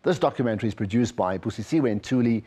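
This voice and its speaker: A man's voice: medium pitch, animated, fast talker, dark tone, slight background noise. Male news presenter, formal scripted intro, mid-range voice. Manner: clear, formal broadcast delivery.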